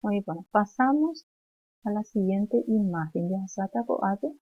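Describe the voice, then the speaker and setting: Woman, preschool teacher, very slow, repeat-after-me, muffled lo-fi sound. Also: medium pitch, lively intonation. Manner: slow, repeats phrases for children to echo. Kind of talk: remote language lesson for young children.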